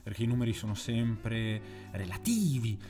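Upbeat male co-host, animated voice. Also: fairly low pitch, moderate pace, faint music behind. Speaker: podcast co-host. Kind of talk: casual chat.

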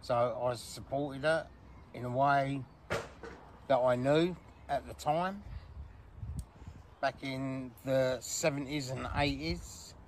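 Interview guest: British male, sixties, plain-spoken, unhurried delivery, slight noise. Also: mid-range voice, steady tone, poor audio. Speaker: interview guest, former soldier.

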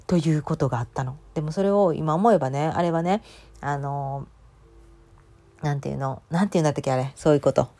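A woman in her thirties with a Kansai Japanese accent tells a personal story in a casual monologue, speaking fast in a low-pitched, warm voice. She's chatty and emotional, with lots of fillers.

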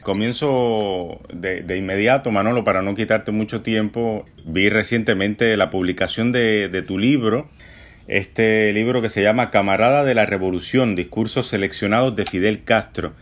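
A man interviewing a guest, halting and often repeating words as he speaks. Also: lowish voice. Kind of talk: interview conversation.

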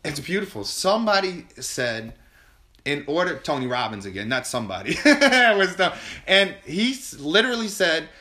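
A man guest in an interview telling a candid personal story, animated and emotional, often restarting and repeating words. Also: a little high, normal speed. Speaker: podcast guest.

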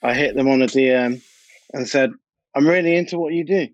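Being interviewed as a DJ and music producer, this man from the United Kingdom speaks in a relaxed, colloquial, anecdotal way with a British voice. His pitch is medium and his pace a little fast. The audio is dull, with no room sound.

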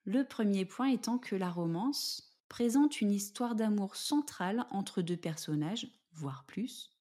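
A woman podcast host reading a scripted narration in a measured, composed and careful way. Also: mid-range voice, lively intonation, dark tone.

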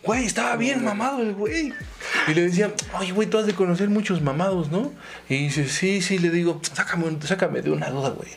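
High-voiced Mexican man, crude banter. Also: a little fast, creaky, music in the background. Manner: rambling, swears constantly, laughs at his own stories. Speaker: comedy podcast co-host.

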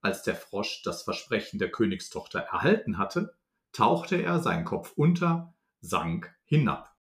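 Lively, low-voiced male storyteller. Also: normal speed, reverberant, slight background noise. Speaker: podcast host and storyteller. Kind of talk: fairy-tale reading.

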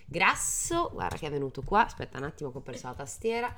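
A woman's voice: low-pitched, big pitch swings, fast talker, crowd noise. A young woman chatting casually and sarcastically while a friend reads a story, looking things up as she talks. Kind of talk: casual chat.

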